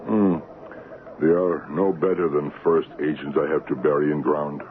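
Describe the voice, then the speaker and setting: In a 1970s radio drama, a male actor with a bass voice plays a courteous, patient, quietly ominous African trading-post assistant. He speaks measured, deferential, foreign-sounding broken English with fairly even intonation. The AM radio recording is muffled and noisy.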